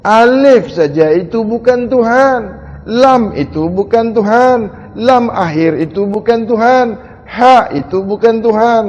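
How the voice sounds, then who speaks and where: A man giving a mystical religious lecture, asking slow, emphatic rhetorical questions. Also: very high-pitched, darkish tone, big-room sound, highs cut off. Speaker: religious teacher.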